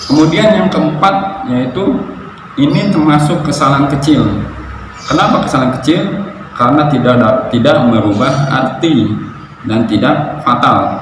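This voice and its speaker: A man giving a religious lesson on reading the Quran correctly, explaining step by step and chanting example words slowly. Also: medium pitch. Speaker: Quran recitation teacher. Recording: very echoey hall with audible noise.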